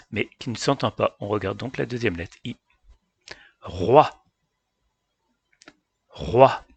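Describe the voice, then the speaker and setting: Slow gravelly man teaching phonics. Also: mid-range voice. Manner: slow, carefully sounds out each letter; addresses parents directly, calm and patient. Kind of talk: phonics lesson for young children.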